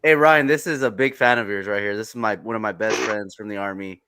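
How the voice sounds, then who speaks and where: A man's voice: on the low side, steady tone, brisk, bright, forceful tone. A man hosting a casual chat on a video call, loose and rambling with lots of filler. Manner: loose, rambling, says dude a lot. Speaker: host.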